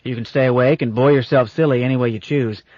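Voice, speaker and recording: A gruff old captain, as a male narrator plays him, commanding and folksy and fond underneath. He speaks a little louder than the narration, in a dry space. The recording is dull and lo-fi. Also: medium pitch, fairly even intonation, fast talker, dry recording, natural voice. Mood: stern, folksy.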